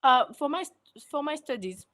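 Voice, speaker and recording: A woman's voice: high voice, animated, normal speed, pushed and bright. A woman from Mauritius, a guest answering in a casual interview, hesitant with many fillers and frequent laughs. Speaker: guest, food content creator.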